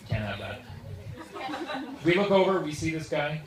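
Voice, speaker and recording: A Canadian man giving a humorous best man wedding toast in an informal, joking, halting way. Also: on the high side, very animated, a crowd in the background. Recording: echoey noisy room, far from microphone. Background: loud audience noise and laughter.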